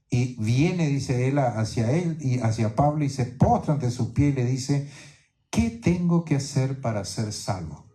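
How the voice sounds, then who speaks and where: A man delivers a teaching sermon from the pulpit with a mellow, darkish voice of middle pitch. He explains scripture step by step and keeps checking in with his listeners through repeated rhetorical questions. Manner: teaching tone, keeps asking "¿no es cierto?". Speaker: pastor. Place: church in New York.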